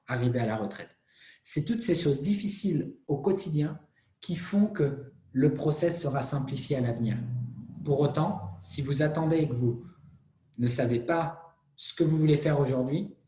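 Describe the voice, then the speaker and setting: A man gives a motivational talk in a mellow, relaxed voice. He speaks earnestly, comes back to the same phrases and sometimes restarts a word. The recording has a noticeably roomy echo. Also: mid-range voice. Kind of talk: motivational presentation.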